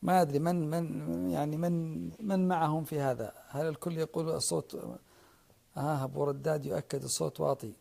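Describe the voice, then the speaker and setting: A man's voice: on the high side, steady tone, brisk, creaky, mellow. A man, a sheikh, giving an earnest religious lecture to an online audience, addressing listeners directly and repeating key names for emphasis.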